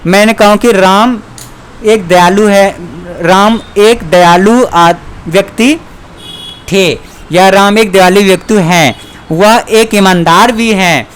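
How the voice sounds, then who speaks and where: A man teaching grammar who stretches his words out slowly, as if dictating to a class. His voice is smooth and clear, and he keeps repeating questions back to his students. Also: high-pitched, fairly bright tone.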